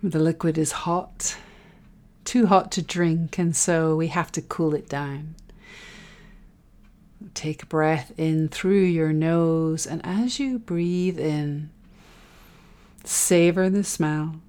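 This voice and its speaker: Female meditation guide, soft and soothing, deep-toned and very slow, for a relaxation breathing exercise. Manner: soft, soothing, unhurried delivery with breathy phrase endings.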